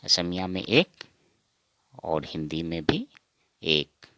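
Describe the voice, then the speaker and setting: Slow, gravelly low-voiced man teaching. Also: very animated, sharp tone, dry recording. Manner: repeats each word, asks and answers himself. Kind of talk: slow spoken counting lesson.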